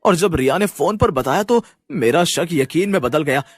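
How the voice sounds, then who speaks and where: A man's voice: fairly high pitch, animated, normal speed. A man voicing a worried, protective young husband in a kids' storybook, earnest and questioning. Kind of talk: storybook voice acting.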